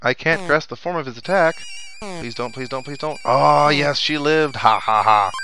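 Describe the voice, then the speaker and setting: A gaming video host gives casual let's play commentary, thinking aloud to his viewers as he plays. His fairly high voice is pushed and bright at a moderate pace, over video game music and sound effects.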